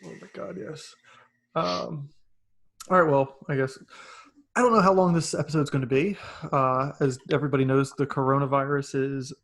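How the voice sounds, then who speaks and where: A man's voice: fairly high pitch, fairly even intonation, moderate pace, gravelly, a bit bright. A young man hosting a casual gaming podcast over a video call, chatty and laughing easily. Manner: laughs often, chatty and loose. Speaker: podcast host. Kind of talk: casual chat. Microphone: remote call mic.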